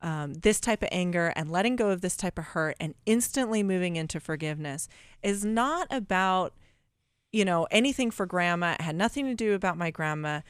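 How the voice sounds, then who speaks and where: A woman's voice: on the low side, animated, a little fast, clean tone, no room sound, clean studio sound. A woman in her thirties, a radio guest telling a family story with emphatic repetition. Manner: emphatic, repeats herself. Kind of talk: radio interview, personal story.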